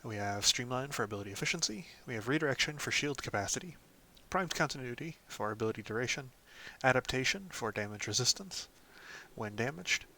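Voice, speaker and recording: A man hosting a casual game guide, talking through a character build in a relaxed way, with frequent "um"s and "of course"s. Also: medium pitch, a little fast. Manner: relaxed, lots of ums and "of course". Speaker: gaming channel host.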